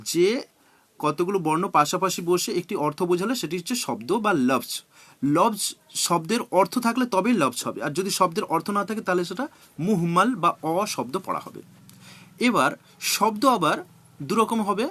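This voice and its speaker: A man with a Bengali accent, teaching a class and spelling out Arabic words letter by letter in slow, deliberate drills. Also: fairly high pitch, fairly bright tone.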